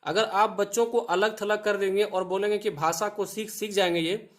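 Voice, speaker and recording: A man teaching an exam prep lesson, explaining step by step and reading quiz options slowly. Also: high voice, steady tone, fairly bright tone.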